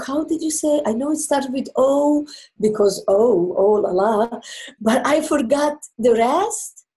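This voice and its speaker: Her voice sits high with a dark tone, and the audio is poor. A native Croatian speaker with a Croatian accent, she is an interview guest giving relationship advice, explaining earnestly and pausing for emphasis.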